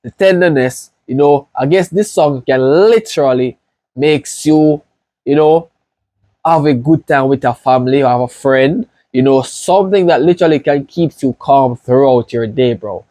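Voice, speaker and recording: Speaking at normal speed in a medium-pitched voice, a man from Jamaica with a Jamaican accent hosts a laid-back reaction video, enthusiastically praising what he sees to his viewers. There's no room sound.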